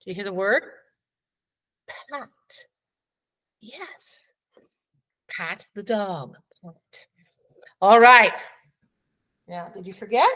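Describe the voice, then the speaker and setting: A woman teaching a preschool phonics lesson, sounding out letters and words slowly and praising the child. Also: mid-range voice, sharp tone. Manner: slow, encouraging, sounds out letters.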